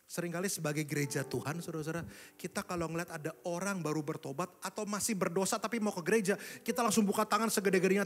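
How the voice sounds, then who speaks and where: A young preacher, voice on the higher side, delivers a lively sermon. He swings from loud exclamations to quiet asides aimed at the congregation. Recorded live in a large church hall with a long reverb and soft instrumental music underneath. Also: gravelly.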